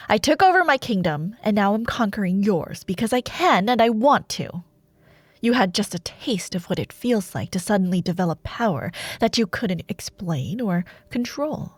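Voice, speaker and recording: In a roleplay audio drama, a woman with a mid-range voice plays a dark warlord sorceress who taunts and commands. Her delivery is theatrical and sardonic, with lingering pauses, and she sounds defiant and imperious. There is no room sound.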